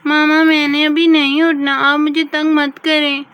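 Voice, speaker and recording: A woman's voice: high voice, flat delivery, measured pace, bright, forceful tone. A woman doing a whiny sleepy little girl doll. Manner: whiny, begging.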